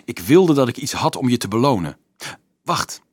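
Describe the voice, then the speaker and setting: A man's voice: mid-range voice, sing-song, moderate pace, slightly rough, no echo, clean studio sound. A man reading an audiobook voices an earnest fifteen-year-old boy who speaks in an urgent, polite way.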